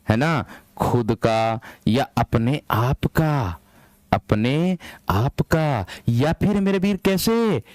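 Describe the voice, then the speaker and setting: A young man teaching a live online Hindi grammar class for police exam students. He speaks slowly and deliberately, repeats phrases and calls the students "my brave one" in a firm, hard-edged voice. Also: on the low side, darkish tone, no echo. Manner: deliberately slow, drawn-out delivery.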